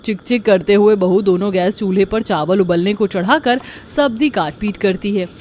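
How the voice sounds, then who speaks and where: A woman's voice: medium pitch, normal speed, a little mellow, a little hiss or hum. A woman narrating a cartoon family story in a scripted storytelling style. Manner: storytelling, voices the family members too.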